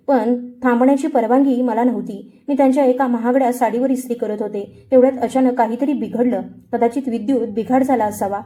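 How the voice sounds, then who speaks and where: A woman's voice: on the high side, mellow. A woman narrating a sorrowful first-person story in an earnest tone.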